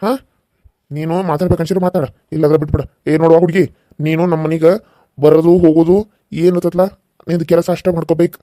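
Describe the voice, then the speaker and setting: A gruff, commanding cartoon father with a North Karnataka Kannada accent, as a man puts him on, lower and weightier than the son. He speaks quickly with a mellow tone, recorded dry and close. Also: level tone, dry recording, natural voice. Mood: stern. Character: stern older father, house owner. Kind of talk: cartoon serial voice acting.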